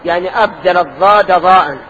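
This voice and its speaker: A man's voice: high voice, fairly quick, fairly bright tone. Older man teaching in a lo-fi mosque recording. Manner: quizzing students, correcting them, explaining. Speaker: religious teacher. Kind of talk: mosque lesson with questions to students. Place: mosque lesson circle. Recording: dull lo-fi lesson recording with faint noise.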